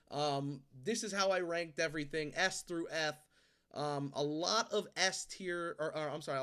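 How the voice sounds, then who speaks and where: A man's voice: on the high side, fairly bright tone. A man in his twenties hosting a video, telling a story in a rambling way, swearing freely and correcting himself as he goes. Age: 20s. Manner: rambling, profane, quick self-corrections. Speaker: host. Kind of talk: casual storytelling and movie ranking.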